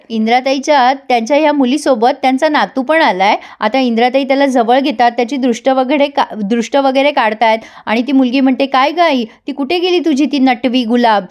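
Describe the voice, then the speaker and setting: A woman's voice: sits high, a little mellow. A woman retelling a TV serial episode for her viewers, emotional and speaking to them directly. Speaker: serial recap narrator.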